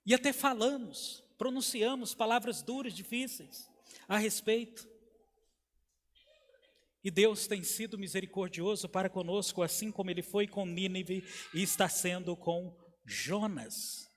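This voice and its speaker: Brazilian pastor preaching, pretty high voice for a man, big churchy reverb. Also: unhurried. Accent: Brazilian Portuguese. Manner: emphatic preaching, swelling and dropping in volume. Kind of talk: sermon. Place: church sanctuary. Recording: long church hall reverb.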